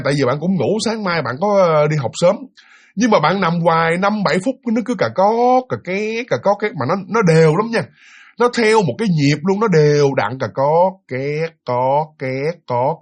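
Fast-talking husky man. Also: sits high. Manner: animated, with sound imitations and stammered repeats. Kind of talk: told ghost story.

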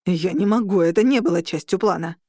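A panicked man of learning, pushing his words out hard and urgent, his voice a touch lower than the reader's own, as a woman reads him. He sounds pressed for time. The recording is close and dry. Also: a little fast, darkish tone, dry recording. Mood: desperate. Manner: urgent, strained. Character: frightened man, a magical scholar.

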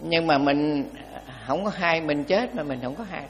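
Older monk, folksy sermon. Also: male voice, on the high side, unhurried, big-room sound, a little hiss or hum. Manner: colloquial, repetitive, folksy humor. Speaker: Buddhist monk. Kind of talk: dharma talk.

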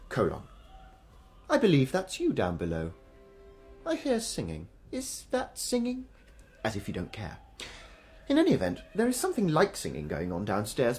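A man's voice: mid-range voice, a little mellow. An actor playing a fussy, pedantic male servant who is ironically deferential to his master. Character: fussy wordy male servant, devoted and cheeky.

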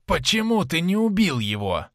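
A spiteful drunken slum woman, as a male reader puts her on, hisses her words in a raised, higher voice. She sounds loud and a little set back. The reading is an audiobook. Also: big pitch swings, moderate pace, no room sound, studio quality. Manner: hissing, spiteful.

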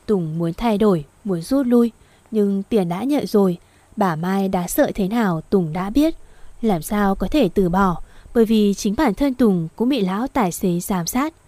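Woman narrator for an audio novel, steady even reading, mellow dry tone. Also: medium pitch, a little slow, no room sound.

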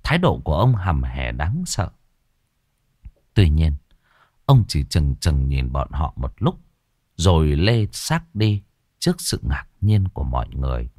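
A man's voice: rumbling low, sing-song, a little slow, long pauses, darkish tone, no echo, studio quality. A man narrating a ghost story in a dramatic, scripted storytelling way. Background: faint music.

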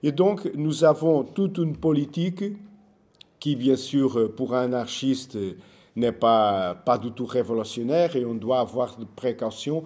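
A man, a native Portuguese speaker, gives an informal talk in Portuguese-accented French, halting as he searches for words and repeats himself. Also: mid-range voice, mellow. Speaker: speaker giving a political overview.

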